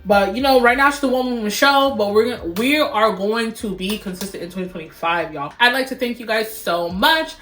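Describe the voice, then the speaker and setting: A woman's voice: on the high side, fairly quick, few pauses, fairly bright tone. A young woman vlogging casually to camera, playful and sing-songy, breaking into little chants. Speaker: YouTube vlogger. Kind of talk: casual vlog chat to camera. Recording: roomy echoey room.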